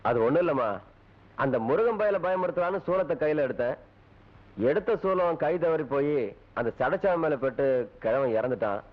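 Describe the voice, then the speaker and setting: A man's voice: fairly high pitch, lively intonation, moderate pace, long pauses, close to an everyday voice. An actor playing a timid, lovesick young village man in a film drama, pleading anxiously with his mother. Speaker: young son in love. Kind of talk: Tamil film drama dialogue. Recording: tinny phone-like film audio.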